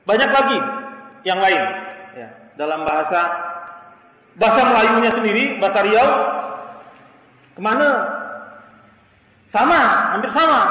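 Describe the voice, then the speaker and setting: A man's voice: high-pitched, sharp tone. A man giving a lecture on Quran studies to an audience. He explains with everyday dialect examples and often checks in with "ya". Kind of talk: classroom lecture on Quran sciences. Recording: echoey hall, voice far from the mic, dull sound.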